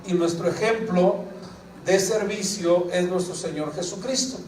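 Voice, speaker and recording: An unhurried sermon comes from a man whose high voice carries a darkish tone, a pastor who keeps asking his congregation questions and drawing answers back. The audio is distant and echoey, taken in a spacious church hall with a faint hum of people.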